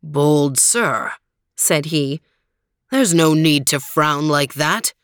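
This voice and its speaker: A woman's voice: low-pitched, extremely slow, clear, resonant tone, no echo, studio quality, voice pushed down. A woman voicing a stern giant green knight. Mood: calm, stern. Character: huge menacing male green knight.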